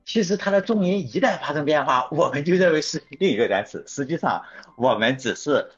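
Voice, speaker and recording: A man's voice: a little high, lively intonation, brisk, husky. A man hosting a casual chat show, rambling through anecdotes and correcting himself as he goes. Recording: dull lo-fi sound with faint music.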